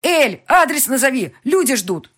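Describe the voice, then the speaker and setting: A panicked young woman, as a woman audiobook reader voices her, urgent and pleading. Her voice rises well above the reader's narrating pitch and comes out slightly husky. The delivery is lively and hurried. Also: heavily acted. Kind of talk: audiobook reading.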